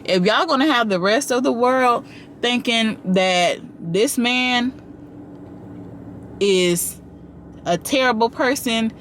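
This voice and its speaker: A woman giving casual, animated reaction commentary, talking straight to her viewers with slang and asides. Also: a little high, takes it slowly, pauses often, slight background noise. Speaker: commentary vlogger.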